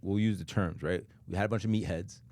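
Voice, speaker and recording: A man in his forties hosting a casual interview in an easygoing way, with lots of fillers and quick agreements. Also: deep voice, darkish tone. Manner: easygoing, with frequent "right, right" and fillers. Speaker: podcast host.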